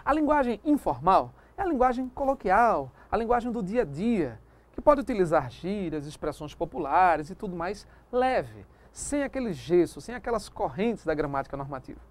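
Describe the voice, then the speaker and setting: A man's voice: sits high, big pitch swings, normal speed. Man, grammar teacher, recorded lecture, emphatic, stretches example words, chatty asides.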